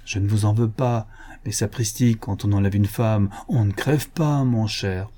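A man reading the part of a proud, sharp-tongued young woman in an audiobook, curt and imperious. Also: fairly low pitch, measured pace.

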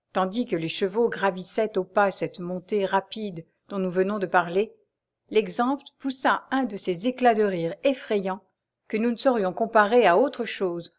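Une femme qui lit à voix posée un roman-feuilleton en livre audio. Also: female voice, mid-range voice, a little mellow. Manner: measured, literary storytelling. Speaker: narrator. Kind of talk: audiobook reading of a serial novel.

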